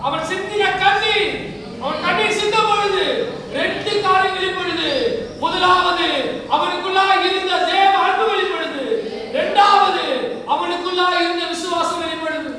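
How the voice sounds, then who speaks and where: A woman's voice: very high voice, steady tone, normal speed, a crowd in the background. A woman preacher giving a fervent sermon, often saying hallelujah and asking the congregation questions. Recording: echoey hall, voice far from the mic.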